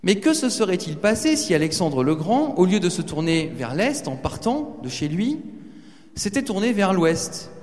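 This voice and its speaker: A man giving a lively talk to students in a large hall, teasing and speaking to the audience directly. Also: high voice, normal speed. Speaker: guest speaker addressing students. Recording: reverberant hall.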